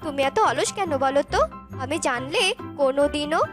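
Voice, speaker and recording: A woman voicing a nagging older grandmother in a cartoon, who scolds and shouts at her daughter-in-law. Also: sits high, normal speed, close to an everyday voice. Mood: scolding. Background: background music.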